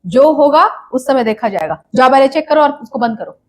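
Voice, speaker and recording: A woman playing a complaining, scolding mother in a comedy sketch, nagging in quick bursts. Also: sits high, sing-song.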